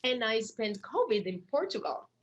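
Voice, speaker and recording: A woman's voice: a little high, big pitch swings, moderate pace, muffled recording. Woman, young, guest on a podcast, eager, trips over her first words, talking from home. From Puerto Rico. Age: young adult. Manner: enthusiastic, repeats words when starting a thought. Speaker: guest, financial educator. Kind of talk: casual interview talk.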